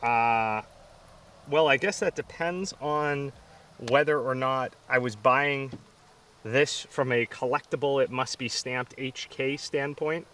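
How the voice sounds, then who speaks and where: A man's voice: mid-range voice, takes it slowly, a bit bright. A man co-hosting a casual gun review, speaking outdoors at a range. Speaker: co-host of firearms review. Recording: distant mic, faint outdoor noise.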